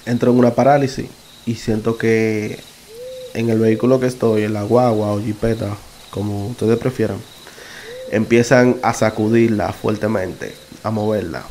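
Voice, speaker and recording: A man recounts his own experience in a relaxed, conversational way, pausing and correcting himself as he goes. His voice sits a little low and sounds soft and mellow. A faint noise stays in the background. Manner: halting, self-correcting, conversational. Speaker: podcast narrator. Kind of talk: casual first-person storytelling.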